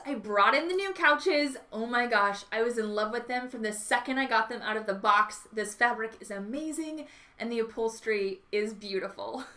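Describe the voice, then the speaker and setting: A woman's voice: fairly high pitch, pushed and bright. A woman hosting a home makeover vlog with upbeat, enthusiastic, gushing DIY narration.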